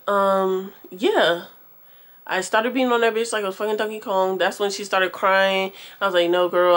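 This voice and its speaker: Profane young woman telling a story. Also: fairly low pitch. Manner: profane, animated, talks straight to viewers. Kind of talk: casual storytime.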